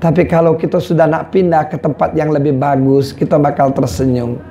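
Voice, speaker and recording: A man with a Palembang Malay accent preaching a sermon, swinging from loud calls to low, quiet lines. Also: flat delivery, brisk, a little hiss or hum.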